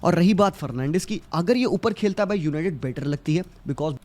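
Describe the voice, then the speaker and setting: Guy arguing football stuff, a bit high voice, earnest. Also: lively intonation, brisk, darkish tone. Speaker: football fan. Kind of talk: fan match reaction.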